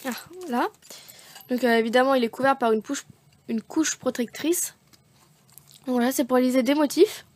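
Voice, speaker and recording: Chatty high-voiced woman vlogging. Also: fairly even intonation, normal speed, pauses often, a little mellow, no echo. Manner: chatty, rambling, self-correcting with many fillers. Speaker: beauty vlogger showing craft supplies. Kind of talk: casual unboxing chat.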